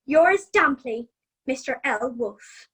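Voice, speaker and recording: A woman voicing a nervous, complaining young male wolf, reading a storybook letter home in a fretful, expressive way. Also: high voice, takes it slowly, breathy edge, full character voice. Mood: pleading.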